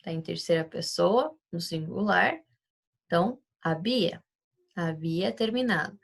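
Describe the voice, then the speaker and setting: Creaky-voiced woman teaching a class. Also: lowish voice, expressive, a little slow. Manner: explains patiently, checks understanding with tag questions. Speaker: Spanish teacher. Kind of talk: recorded class lesson.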